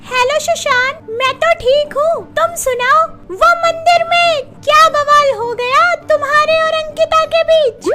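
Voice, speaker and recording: A chatty young friend, very high. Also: female voice, a little slow, hardly any pauses, over loud music. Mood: sympathetic. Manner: gossipy, sympathetic.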